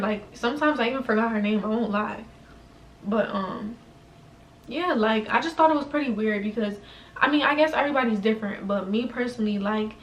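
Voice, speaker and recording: A young woman tells a story in loose, slangy chat, leaning on "like" and "you know." Her voice sits a little high. She is recorded in a roomy space from a few feet off, with faint noise in the background. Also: a bit bright. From New York, USA. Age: young adult. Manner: slangy, chatty, heavy use of "like". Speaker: vlogger. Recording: roomy echo, mic at a distance, faint room noise.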